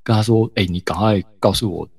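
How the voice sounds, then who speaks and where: A man from Taiwan telling a story in a relaxed, casual podcast chat, with many fillers. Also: lowish voice, brisk, creaky, breathy edge, dry recording. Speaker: podcast co-host.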